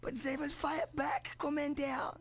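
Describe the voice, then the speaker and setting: High-pitched melodramatic cartoon soldier pig. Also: male voice, flat delivery, a little slow. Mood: warning. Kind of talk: video game character barks. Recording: game audio with music behind.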